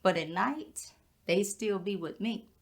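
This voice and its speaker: A woman's voice: medium pitch, measured pace, close to an everyday voice. A woman, performing a theatrical monologue as a proud, hardworking middle-aged mother who cleans houses for a living. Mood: dignified. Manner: dignified, storytelling, folksy. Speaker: actor performing a stage monologue.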